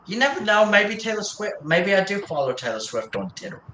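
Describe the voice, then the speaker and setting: A man hosting a livestream and chatting casually in a rambling, halting way, often restarting and repeating his words. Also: high voice, very animated, sharp tone, slight background noise. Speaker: livestream host. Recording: roomy echo.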